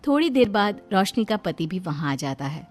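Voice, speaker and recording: A woman narrating a scripted cartoon story in an expressive storytelling manner. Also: medium pitch, normal speed, faint music behind.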